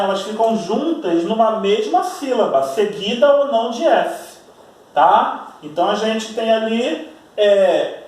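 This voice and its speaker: A man teaching a Portuguese grammar lesson with a Brazilian accent, explaining patiently, drawing out example words slowly and checking in with his students. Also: high-pitched. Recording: echoey room, voice far from mic.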